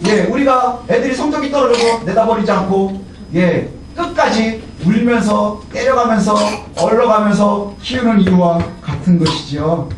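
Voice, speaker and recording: Pastor, man, very high voice, conversational sermon that asks and answers its own questions, very echoey church sound with the mic at a distance. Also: normal speed, a little hiss or hum. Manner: punctuates phrases with a short "예". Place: church sanctuary.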